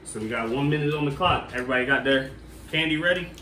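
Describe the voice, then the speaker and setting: A man's voice: medium pitch, fast, pushed and bright. A man casually hosting a challenge, addressing the group, counting down and explaining the rules. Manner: addresses a group with y'all and guys. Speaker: host of a candy challenge. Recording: echoey room, distant mic, background noise.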